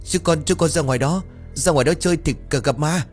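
A man's voice: on the high side, brisk, soft background music, pitched above the performer's own voice, natural voice. A man voicing terrified village boys who shriek and stammer for help in an audio ghost story. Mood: panicked.

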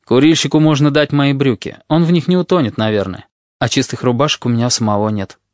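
A man reading aloud, voicing a calm, practical teenage boy in a matter-of-fact way. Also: medium pitch, fast, no room sound, clean studio sound, natural voice.

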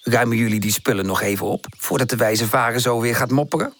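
A man's voice: medium pitch, quick pace, lightly acted. A man voicing a caring, motherly tree aunt in a children's story. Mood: kind. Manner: gentle, soothing, chatty.

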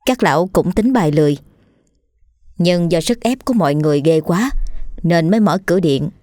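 A woman narrating a ghost story in a steady storytelling manner, voicing the characters. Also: low voice, dry recording, clean studio sound.

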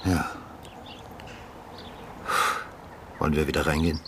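A male actor in a radio drama plays an older, retired police detective, calm and courteous, who questions people methodically at a measured pace. The husky, breathy bass sounds gentle and polite, with a little hiss or hum on the recording.

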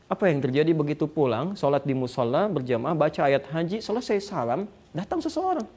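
Fast-talking man teaching a religious class. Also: a little high, lively intonation, a little mellow, breathy edge. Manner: conversational, asks the audience questions and addresses them directly. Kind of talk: religious study lecture. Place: lecture hall with live audience.

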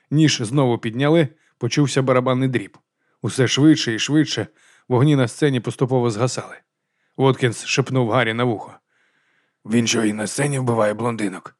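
A man narrates a crime novel as an audiobook reader, steady and measured in his telling. His voice sits at an ordinary middle pitch for a man. The recording is dry and close, with no room sound. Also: no room sound. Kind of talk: scripted narration.

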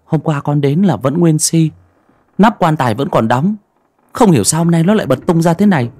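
A man's voice: fairly high pitch, animated, normal speed, a little mellow, husky, no echo, clean studio sound, pitched above the performer's own voice. A man voicing an anxious, humble young village man, in a storytelling reading. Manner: anxious, defensive.

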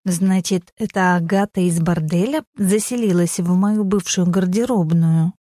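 A cool, dismissive young mother with a dry, sarcastic edge, as a woman reads her. Her delivery is unhurried and mellow, recorded close and dry. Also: on the low side, no room sound.

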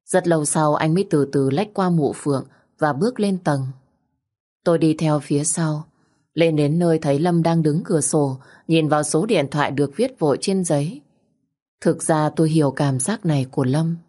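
A woman narrating a dramatic story in the first person, with steady, dramatic storytelling. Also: deep voice.

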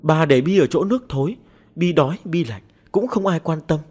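A sulky little ghost girl, as a man puts her on for an audio story, high and childish, pleading through tears. The voice is husky and swings wildly up and down. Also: animated, brisk, a little mellow. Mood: tearful.

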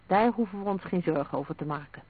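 A man reading as a steady, reassuring police sergeant. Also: high-pitched, fast talker, husky, dry recording. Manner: reassuring, matter-of-fact. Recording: narrow phone-like sound.

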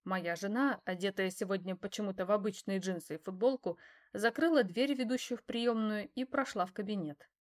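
A woman reading a first-person novel aloud as an audiobook, in steady, even storytelling. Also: medium pitch, fairly quick. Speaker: audiobook reader.

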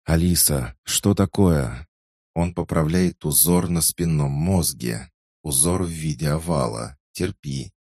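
A man's voice: a bass voice, animated, slow pace, creaky, darkish tone, no room sound, studio quality, pitched above the performer's own voice, heavily acted. A man voicing an anxious young woman companion with urgent, alarmed exclamations in an audiobook. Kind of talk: audiobook character voice.

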